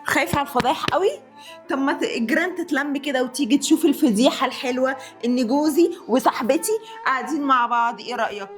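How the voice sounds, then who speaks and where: A woman plays a jealous young Egyptian wife in a comedy sketch, high and fast-talking, throwing sharp sarcastic jabs. Soft music plays under the dialogue. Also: natural voice. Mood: bitter pleading. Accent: Egyptian Arabic. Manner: shrill, sarcastic outbursts.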